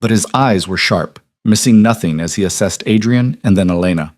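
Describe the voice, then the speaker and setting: A man reading a dramatic story aloud in an even, steady scripted narration. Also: on the low side, fairly quick, no room sound, studio quality.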